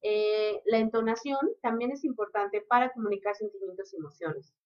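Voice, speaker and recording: A woman giving a recorded lecture, explaining each point in an unhurried teaching manner. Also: medium pitch. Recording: dull lo-fi recording.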